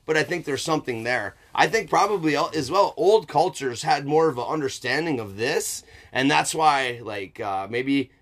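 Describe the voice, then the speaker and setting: A man's voice: on the high side, expressive, moderate pace, hardly any pauses, a bit bright. A man chatting casually and reflectively as a podcast host, informal and emphatic, with some swearing and frequent checks for agreement. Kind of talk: casual philosophical chat.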